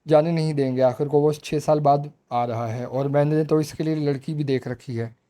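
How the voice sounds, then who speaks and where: A man voicing a fond, sensible middle-aged mother, talking calmly in a motherly way. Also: fairly high pitch, normal speed, natural voice.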